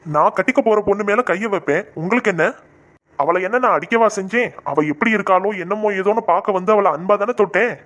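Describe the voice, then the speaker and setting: A man's voice: high-pitched, fast talker, a bit bright. A man voicing a pushy, cocky young rival suitor in a comic cartoon, brash and defiant.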